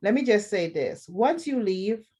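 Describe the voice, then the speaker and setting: A woman's voice: medium pitch, animated, measured pace, warm tone, slightly rough. A woman with a Bahamian accent, hosting a talk show and giving earnest personal advice on marriage and divorce, repeating phrases for emphasis. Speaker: podcast host.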